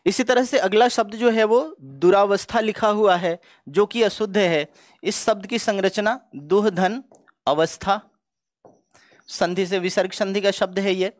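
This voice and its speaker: A man's voice: high-pitched, a little slow, no echo, clean studio sound. A man teaching Hindi spelling for exam preparation, going word by word in a methodical, explanatory way. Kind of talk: exam-prep spelling lesson.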